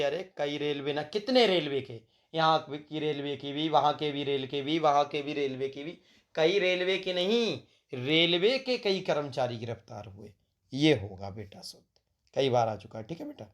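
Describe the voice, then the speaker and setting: A man teaching a grammar lesson to students, calling them "beta" and making joking asides between corrections. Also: on the high side.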